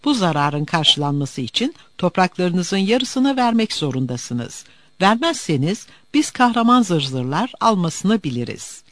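A man's voice: high voice, very animated, measured pace, no room sound. A man voicing a blustering male chief reading out a threatening letter in a storybook tale. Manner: boastful, threatening.

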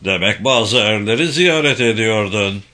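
A man's voice: medium pitch, moderate pace, sharp tone, close to an everyday voice. A man reading a stern, sarcastic middle-aged male camp colonel who questions coldly in an audiobook.

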